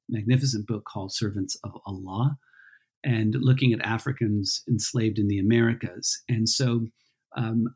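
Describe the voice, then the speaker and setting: Male academic guest from Peru, husky low voice, thoughtful and halting. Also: darkish tone. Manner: thoughtful, many ums and restarts. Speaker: author and historian guest. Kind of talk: casual interview answers.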